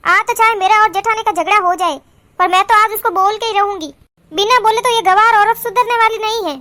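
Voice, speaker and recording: Woman voicing a bickering cartoon sister-in-law, super high and bright, always scolding. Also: a little fast, dry recording. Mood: ranting. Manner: scolding, insulting. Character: quarrelsome sharp-tongued young woman, a wife's sister-in-law. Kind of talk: cartoon voice acting.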